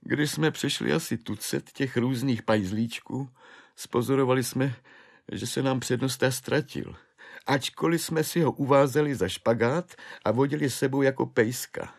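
A man's voice: mid-range voice, vocal fry, voice pushed up. A man voicing a despairing middle-aged clerk and father, who pleads and wails in self-pity. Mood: rambling confession. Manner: wailing, pleading, self-pitying.

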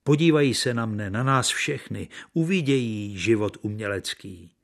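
A man's voice: fairly low pitch, lightly acted. A man reading the part of a bitter, worn-out actor, brooding and earnest, in an audiobook. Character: bitter, worn-out middle-aged male stage actor.

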